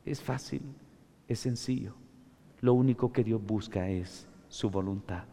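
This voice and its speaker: A man's voice: lowish voice, vocal fry, mellow. Emphatic preacher man in a reverberant hall. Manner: emphatic, addresses listeners as brother, slows to read scripture. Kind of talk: sermon.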